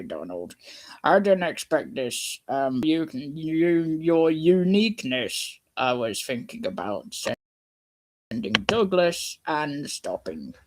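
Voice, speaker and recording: A man hosting a livestream, reading a garbled translated story aloud in a jokey, self-interrupting way, joking between lines. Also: mid-range voice. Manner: jokey, self-interrupting, puts on silly voices. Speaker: livestream host. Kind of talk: casual mock reading. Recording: noisy home stream with clicks.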